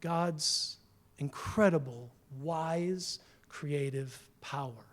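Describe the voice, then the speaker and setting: A man preaching a sermon in a church, animated and conversational, with quick asides and paraphrased dialogue. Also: on the high side.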